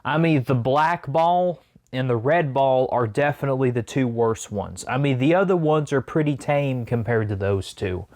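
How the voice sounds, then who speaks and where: A man's voice: mid-range voice, moderate pace, darkish tone. Man chatting while eating sour candy. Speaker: food challenge vlogger. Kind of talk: casual chat to camera.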